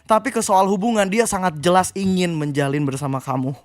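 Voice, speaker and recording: A man's voice: high voice, steady tone, brisk. A young man hosting a live radio matchmaking call-in, joking and teasing the callers. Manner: teasing, jokey, bursts into hype when announcing. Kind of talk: playful live call-in banter.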